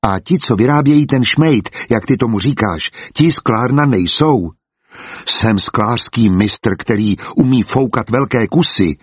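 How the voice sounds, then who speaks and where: A husky-voiced man reading the part of a proud, stubborn male master glassblower in a storybook, speaking slowly and firmly. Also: mid-range voice, dry recording, natural voice. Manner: slow, firm and dignified.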